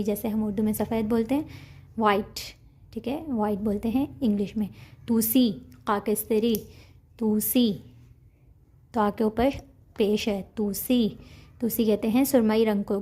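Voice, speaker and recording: Slow, patient woman teaching vocabulary. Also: medium pitch, dark tone. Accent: Urdu-speaking. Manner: slow, patient, repeating each word. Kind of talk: language lesson.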